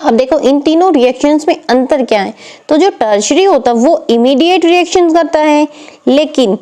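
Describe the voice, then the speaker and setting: A woman's voice: high-pitched, expressive, moderate pace, dark tone. A young woman tutor explaining an exam paper step by step, asking questions and answering them herself. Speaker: chemistry tutor. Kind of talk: exam paper walkthrough lesson.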